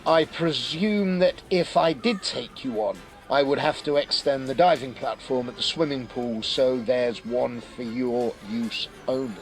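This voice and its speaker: A man's voice: mid-range voice, unhurried, hardly any pauses, faint music behind, natural voice, rough recording. A man playing a dry, formal, businesslike amusement park owner.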